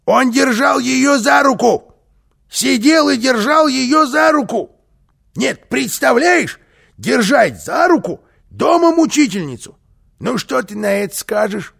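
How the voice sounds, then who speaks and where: A man's voice: a little high, sing-song, slow, creaky, fairly bright tone, heavily acted. A man voicing a boastful, mischievous little man posing as a witch, speaking in a hollow put-on voice with theatrical indignation. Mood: indignant.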